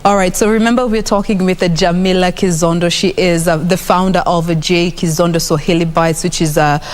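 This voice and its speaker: A woman's voice: lowish voice, steady tone, fairly quick, long reverb tail. A Kenyan woman hosting a morning television talk show, upbeat and switching between English and Swahili phrases. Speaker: morning TV host. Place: TV studio.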